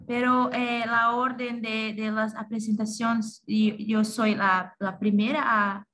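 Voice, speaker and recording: A woman's voice: on the high side, flat delivery, slow, a bit bright. A woman with a Brazilian accent and Portuguese as her native language gives an informal academic talk, hesitantly searching for words. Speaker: gastronomy teacher presenting her research. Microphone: computer on a video call. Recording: video call with clear background noise.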